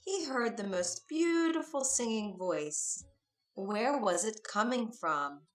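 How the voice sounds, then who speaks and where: A woman narrating a fairy tale for English learners, reading slowly, clearly and expressively. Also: mid-range voice, animated, faint music behind, rough recording.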